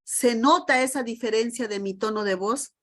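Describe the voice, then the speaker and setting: A woman's voice: fairly high pitch, normal speed, a bit bright. A middle-aged woman, leading a lecture for teachers over a video call and often asking the group questions. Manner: emphatic, asks the group many rhetorical questions. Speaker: teacher trainer leading a session.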